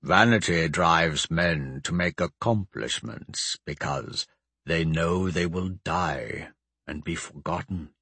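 A man voicing an ancient male lich, a cold and grandiose undead sorcerer who speaks in a slow, measured, commanding way. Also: rumbling low, fairly bright tone, husky, no echo, voice pushed down, heavily acted. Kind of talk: audiobook character voice.

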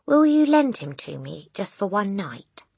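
A woman's voice: mid-range voice, sing-song, unhurried, creaky, warm tone, slightly rough, no room sound, voice pushed up, exaggerated voice. A woman voicing a clever, mischievous little girl in a children's story, speaking with eager, dramatic urgency. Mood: eager, pleading.

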